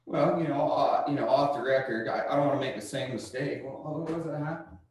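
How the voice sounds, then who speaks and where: A man's voice: mid-range voice, brisk. Man technician, far off in an echoey room. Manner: polite, hesitant, friendly questioning. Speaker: service technician in a sales role-play. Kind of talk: improvised training role-play. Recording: very echoey room, far from the mic, faint noise.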